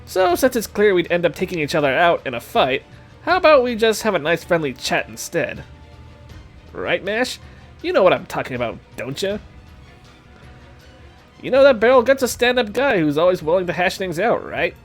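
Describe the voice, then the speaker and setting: A man's voice: sits high, sing-song, normal speed, faint music behind. A man voicing a sly, smug young man who drawls and threatens casually while reading game dialogue. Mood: mocking. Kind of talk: reading a game's dialogue aloud.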